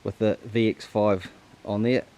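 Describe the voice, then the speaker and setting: There's a warm, lowish male voice here, steady and unhurried. He's the host of a hunting vlog, speaking with a broad New Zealand accent in a relaxed, matey style full of slang. Faint outdoor noise can be heard.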